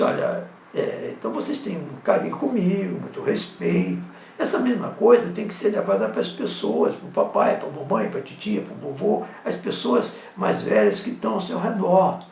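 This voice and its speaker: A man talks through his memories in an easy, conversational way, checking in with the listener again and again. His voice sits high and swings widely in pitch, with a gravelly rasp. He was recorded some distance from the mic in an echoey room with faint background noise. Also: a little mellow. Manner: conversational, frequent tag questions. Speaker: psychosomatic therapist and former judo instructor. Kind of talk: casual storytelling monologue.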